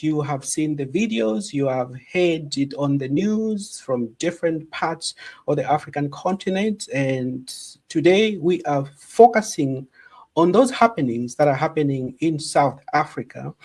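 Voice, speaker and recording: A man with a fairly high voice moderates an online discussion panel. He introduces each guest in a formal way and repeats his thanks. The sound is ordinary video-call audio. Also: a little mellow. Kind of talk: webinar moderating. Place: home.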